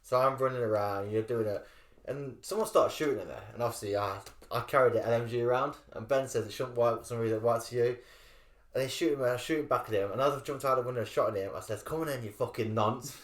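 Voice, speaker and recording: A man's voice: medium pitch, fast talker. A young man co-hosting a podcast, telling loose, rambling gaming anecdotes with some swearing. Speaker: podcast co-host. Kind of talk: casual chat. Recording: roomy echo.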